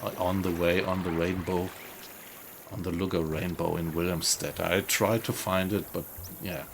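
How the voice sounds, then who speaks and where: A man's voice: sits low, little pitch movement, moderate pace, gravelly, background noise. A man giving casual gameplay commentary, musing to himself and asking himself questions as he goes. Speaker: gaming video host.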